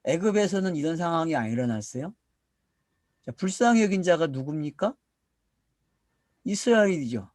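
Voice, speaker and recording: A man's voice: a little high, animated, moderate pace, long pauses, darkish tone, dry recording, studio quality. A middle-aged man from South Korea preaching as a pastor, asking questions and answering them himself and drawing out words for emphasis. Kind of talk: sermon, Bible teaching to a congregation.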